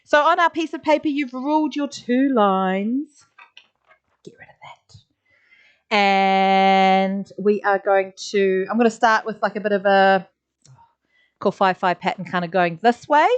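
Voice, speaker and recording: Speaking at a moderate pace in a mid-range voice, a woman guides a live online drawing lesson. She's encouraging and talkative, making tiny sound effects while sketching, and the lo-fi recording is slightly dull.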